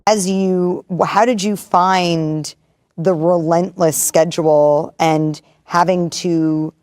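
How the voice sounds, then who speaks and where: Slow-talking woman asking questions. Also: fairly low pitch, fairly even intonation, a little mellow. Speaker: interviewer.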